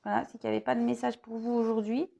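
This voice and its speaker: Hoarse lady doing a tarot reading, lots of ums, a bit high, crackly voice. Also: little pitch movement, fast, lo-fi sound. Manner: chatty, many fillers and restarts. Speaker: tarot reader. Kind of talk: casual tarot reading to camera.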